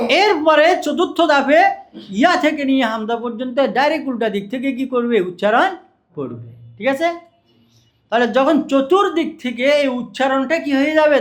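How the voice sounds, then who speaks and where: High-voiced man coaching reading teachers. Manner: asks and answers his own questions, drills syllables slowly. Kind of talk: teacher training lecture.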